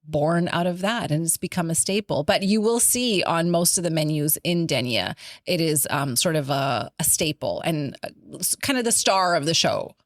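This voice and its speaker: A woman's voice: sits low, animated, moderate pace, no echo, studio quality. A woman co-hosting a podcast in casual travel chat, easygoing and agreeable, with many short replies. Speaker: podcast co-host.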